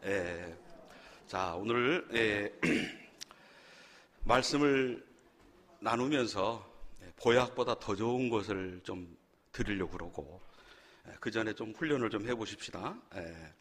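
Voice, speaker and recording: A man's voice: fairly low pitch, takes it slowly, pauses often, fairly bright tone. A male pastor leading a Wednesday sermon, coaching the congregation to repeat phrases after him and joking with them. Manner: leads call-and-response phrases, jokes with the congregation. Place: church sanctuary. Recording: long hall reverb in a church.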